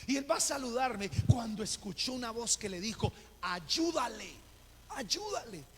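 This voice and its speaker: Pastor guy preaching, acts out voices, gravelly, echoey church with faint noise. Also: very high-pitched, a little fast. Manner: animated storyteller acting out voices. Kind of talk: sermon with storytelling. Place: church hall.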